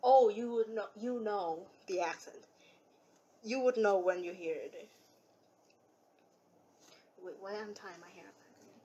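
A young woman who isn't a native English speaker streams, chatting casually and reading viewer comments through giggles, rambling, and self-correcting restarts. Her mid-range voice is mellow with a breathy edge, measured in pace with long pauses, and the highs are cut off.

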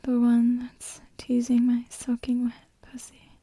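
A woman in an intimate, erotic whispered ASMR role-play for one adult listener, breathy and halting, speaking right in the ear. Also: a little high, monotone, dark tone, no echo. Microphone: very close microphone, dry.

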